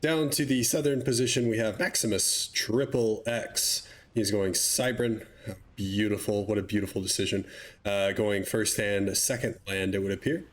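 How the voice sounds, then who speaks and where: A young male game caster gives video game commentary on a strategy match in a somewhat low voice that sounds stuffed up and slightly nasal. He keeps a moderate pace, chatting in a relaxed way and tossing in wry asides, while a faint hum runs beneath the recording.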